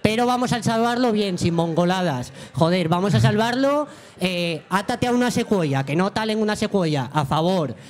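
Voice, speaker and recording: A man's voice: high voice, lively intonation, moderate pace, slight background noise. A man on a live comedy stage, delivering a mock-indignant, profane rant. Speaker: comedy collaborator. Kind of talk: stand-up style rant. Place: live stage before an audience.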